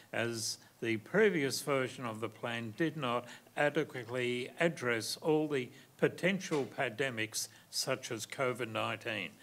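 A man's voice: medium pitch, a bit bright, slight background noise. An Australian man councillor moving a motion in a formal, stiff reading, with occasional slips.

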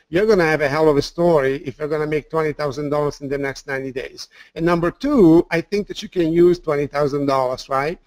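A man's voice: a little high, dry recording. A man with an Italian accent giving an enthusiastic sales webinar presentation, often repeating words and using fillers.

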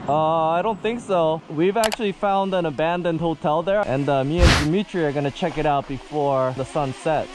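A man's voice: a little high, moderate pace, hardly any pauses, background noise. A man in his thirties narrating a casual travel vlog outdoors, upbeat and chatty, often laughing. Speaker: travel vlogger. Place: outdoors at a lakeside campsite and roadside.

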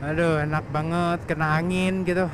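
A man's voice: fairly high pitch, little pitch movement, normal speed. Chatty young man riding a motorbike. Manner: chatty, laughs often, talks about himself in third person. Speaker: motovlogger. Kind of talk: casual riding commentary. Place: on a motorcycle on an open road outdoors. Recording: faint wind and traffic noise.

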